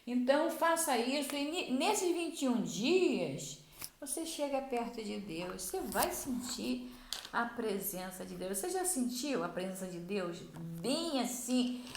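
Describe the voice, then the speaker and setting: A woman's voice: a little high, expressive, unhurried, slight background noise. A woman giving earnest Bible teaching in a sermon style, repeating herself and restarting often. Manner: earnest, repetitive, with many restarts. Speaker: Bible teacher at a church program. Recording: roomy echo.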